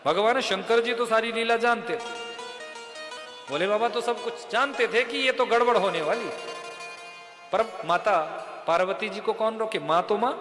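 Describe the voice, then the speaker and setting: A male preacher telling a sacred story in a devotional sermon, lively and addressing listeners with direct questions. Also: high-pitched, normal speed, long pauses. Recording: echoey hall with music behind.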